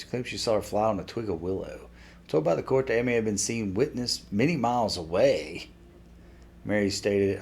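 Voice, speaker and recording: Low-voiced man commenting on his gameplay. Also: slight background noise. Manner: thinks out loud, speculating. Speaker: video game let's player. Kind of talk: casual gameplay commentary with reading aloud.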